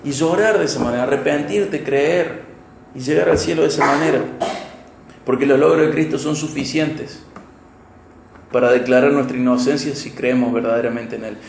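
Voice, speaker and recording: A man with an Argentine Spanish accent preaching an expository sermon as pastor, emphatic, swinging between loud peaks and soft, quiet drops. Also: medium pitch, fairly even intonation, moderate pace, gravelly, slight background noise. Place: church hall. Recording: echoey church hall.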